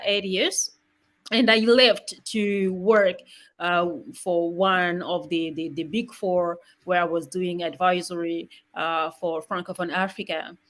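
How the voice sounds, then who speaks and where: A middle-aged woman from Rwanda speaking in a webinar, presenting in a halting way with many pauses and restarts. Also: medium pitch, a bit bright. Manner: frequent fillers and restarts, halting. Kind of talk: hesitant spoken presentation.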